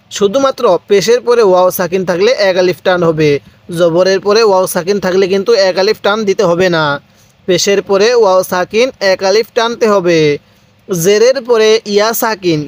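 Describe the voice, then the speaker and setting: A man teaching Quran reading, slowly and deliberately drawing out syllables for learners to repeat after him. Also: high-pitched, dry recording. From Bangladesh. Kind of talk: recitation lesson, repeat-after-me drill.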